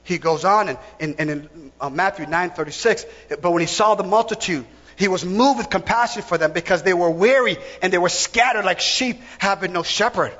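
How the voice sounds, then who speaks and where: High-voiced preacher in a reverberant hall. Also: male voice, a little fast, fairly bright tone, lo-fi sound. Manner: rising to emphatic repeated lines. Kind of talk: sermon.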